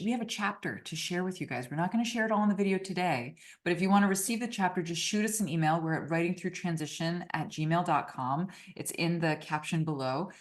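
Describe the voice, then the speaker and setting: A woman co-author hosting a book launch video, talking in a quick, chatty, upbeat way with casual fillers. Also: lowish voice. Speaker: co-author and host.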